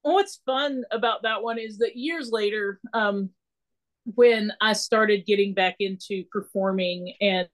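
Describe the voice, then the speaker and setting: A woman guest in a casual interview, telling her story in an animated way and acting out what people said. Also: medium pitch, measured pace. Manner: animated storyteller who acts out quoted dialogue. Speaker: podcast guest.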